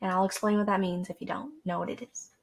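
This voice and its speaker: A woman's voice: medium pitch, quick pace, creaky. Young canadian woman just rambling on her podcast, chatty, self-deprecating, lots of likes and restarts, desk mic. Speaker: podcast host. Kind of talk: casual rambling monologue. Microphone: desk microphone with a cord.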